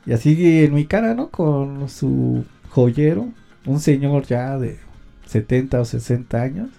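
A man's voice: mid-range voice, expressive, unhurried, gravelly, mellow, faint music behind. A Mexican man hosting a homemade radio show, telling a personal story in a rambling, slangy way full of fillers. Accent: Mexican Spanish. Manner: slangy, rambling, many fillers and tag questions. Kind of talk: casual storytelling monologue.

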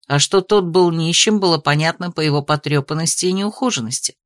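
Lowish-voiced woman reading a story. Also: dry recording, studio quality. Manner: measured, even storytelling. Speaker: audiobook narrator. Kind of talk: scripted narration.

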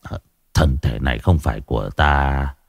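A man voicing a sick, gruff older brother who coughs and groans. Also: rumbling low, moderate pace, no room sound, clean studio sound, soft background music, pitched below the performer's own voice, full character voice. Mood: sick grumbling.

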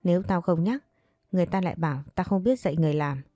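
A woman's voice: fairly low pitch, animated, fast, no echo, clean studio sound, faint music behind, lightly acted. A woman voicing a jealous young mistress of a household who scolds and threatens her servant. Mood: scolding. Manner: scolding, threatening, sharp-tongued.

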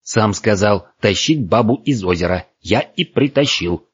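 Sulky, clumsy storybook dragon, as a male narrator voices him; low husky drawl, dull dry sound. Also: lively intonation, a little mellow. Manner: sulky, drawn-out.

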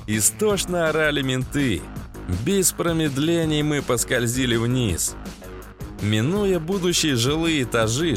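Lively man narrating an audiobook. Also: mid-range voice. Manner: lively, coarse-spoken first-person telling.

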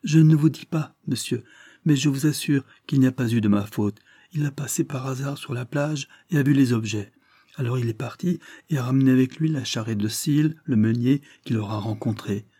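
A man's voice: mid-range voice, moderate pace, warm tone, no room sound, studio quality, voice pushed up, close to an everyday voice. A man voicing a flustered, humble male villager who pleads and defends himself. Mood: defensive.

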